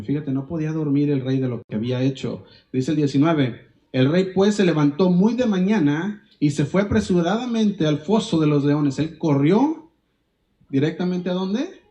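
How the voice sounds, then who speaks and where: Guy preaching, fairly high voice but mellow, reads the bible aloud and keeps asking the church questions. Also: poor audio. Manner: reads scripture aloud, pausing to quiz the congregation. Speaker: pastor. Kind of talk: sermon.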